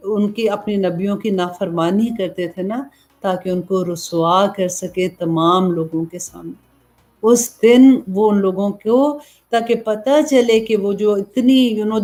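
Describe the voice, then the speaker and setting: A woman's voice: medium pitch, warm tone. Earnest woman giving a religious lecture. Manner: earnest, explanatory, asks and answers own questions. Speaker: Islamic preacher.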